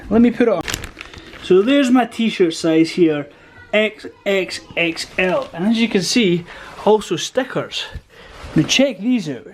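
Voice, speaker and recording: Excitable man gushing over an unboxing. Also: high voice, a little hiss or hum. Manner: excitable, laughs often, gushing exclamations. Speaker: car enthusiast vlogger. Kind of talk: casual unboxing vlog.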